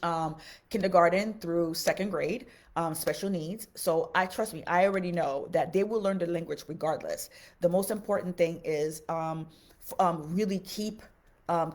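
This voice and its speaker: A Haitian woman, a native Haitian Creole speaker with a voice on the low side, teaches on a live stream, giving casual advice earnestly and repeating phrases for emphasis.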